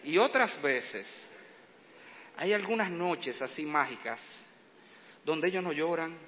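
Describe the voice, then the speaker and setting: Speaking slowly in a slightly high voice with lively intonation and a sharp tone, a man preaches a sermon peppered with comic tales of raising his young children. He mimics the cries and sounds he's describing. Long reverb from the hall and faint background noise are audible.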